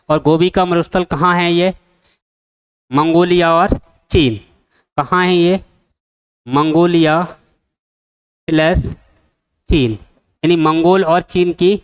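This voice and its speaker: A man's voice: high-pitched, clean tone. A man teaching an exam-prep geography lesson, asking the class questions and repeating the answers. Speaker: coaching teacher.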